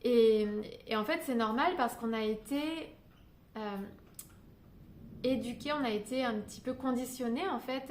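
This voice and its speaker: Indoors in Paris while a thunderstorm rumbles faintly outside, a Parisian woman who offers spiritual guidance vlogs her reflections to camera without a script, full of hesitations and "euh" fillers. Her voice is a little mellow and on the high side, with slight background noise.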